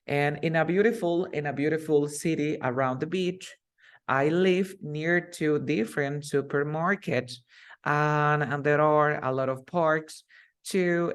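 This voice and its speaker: A man's voice: on the high side, steady tone, smooth. Male English teacher, patient and repetitive, on a video call. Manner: explains slowly, repeats words, switches to Spanish. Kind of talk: online English class.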